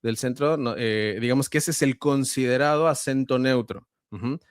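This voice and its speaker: A man's voice: mid-range voice, smooth, no room sound. Man, central Mexican accent, dry recording, explanatory, hesitant fillers. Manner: measured, explanatory, frequent hesitations. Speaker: guest voice-over artist. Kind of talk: conversational interview answers.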